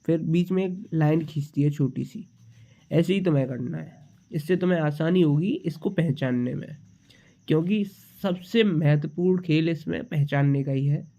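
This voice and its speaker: A man's voice: on the high side, moderate pace, dark tone. A young man with a slight cold, patiently teaching shorthand in a casual tutorial and repeating each symbol as he writes it. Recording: dull lo-fi sound.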